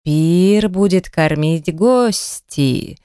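A lumbering, slow-witted swamp troll booms out his broken phrases, every word stretched long, as a woman reader acts him out. The voice sits higher and louder than her usual reading and sounds oddly unlike her own. The recording is dry and close. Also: smooth, no room sound. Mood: bellowing. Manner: slow, drawn-out broken speech. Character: hulking dim-witted male swamp troll. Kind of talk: audiobook character voice.

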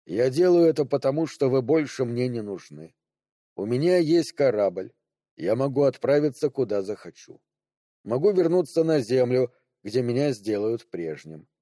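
A man voicing a bitter, resentful human brain trapped in a ship's computer, speaking slowly and coldly with sarcasm. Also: mid-range voice, very animated, warm tone, dry recording, studio quality, natural voice. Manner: slow, cold and sarcastic. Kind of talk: audiobook character voice.

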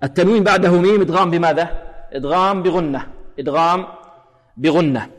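A man teaching Quran recitation rules, explaining and then slowly demonstrating letters and verses. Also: on the high side. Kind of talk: tajweed lesson with recited examples. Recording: long hall reverb.

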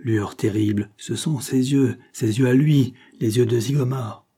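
A man's voice: medium pitch, measured pace, mellow, slightly rough. A man reading the lines of a shrewd, grave middle-aged detective chief who reasons with insistence. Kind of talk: scripted narration.

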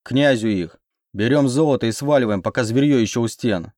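A man voicing a gruff, bearded brute of a mercenary who barks orders. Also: mid-range voice, a little fast, a little mellow, no room sound, studio quality, lightly acted. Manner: gruff, bossy.

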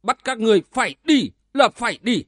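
A man's voice: high voice, animated, takes it slowly, dry recording, clean studio sound, exaggerated voice. A man reading aloud as a commanding old grandfather who leads a martial clan. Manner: commanding, stern.

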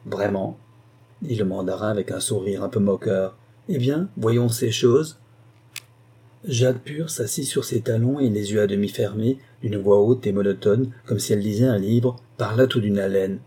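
A man reading a fairy tale aloud as narrator, in a measured, unhurried way. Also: on the low side, dark tone, breathy edge. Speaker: storyteller.

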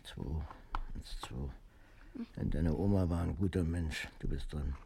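An actor playing a gruff, plain-spoken old grandfather in an old radio play. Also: very deep voice, a little slow, warm tone, slight background noise, heavily acted. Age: older. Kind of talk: 1980s radio play acting.

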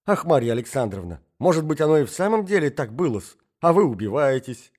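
A man's voice: mid-range voice, normal speed, a little mellow, voice pushed up, close to an everyday voice. A man reading an audiobook, voicing a spiteful lady guest who needles in a honey-sweet tone. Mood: sugary. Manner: sugary, needling.

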